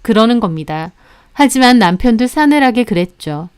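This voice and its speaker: A woman's voice: medium pitch, expressive, moderate pace, clean tone, dry recording, clean studio sound. A young adult woman narrating her own story in a firm, matter-of-fact way.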